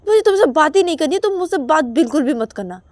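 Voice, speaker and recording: Sulking partner, voiced by a woman: sharp, demanding, repeats questions, high-pitched. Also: lively intonation, normal speed, dry recording, natural voice. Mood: upset. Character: sulking upset partner, young adult.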